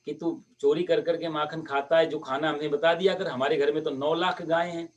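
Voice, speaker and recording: A man's voice: a little high, steady tone, a little fast, far from the mic, highs cut off, natural voice. A man voicing a playful, mischievous young male god who coaxes his friend in a sermon story.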